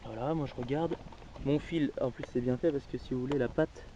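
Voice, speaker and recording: A man's voice: mid-range voice, a little fast, mellow, a little hiss or hum. Man, casual hobbyist tutorial voice, hesitant, dull muffled recording. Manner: hesitant, many fillers and restarts. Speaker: amateur car DIY tutorial maker. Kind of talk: casual step-by-step how-to.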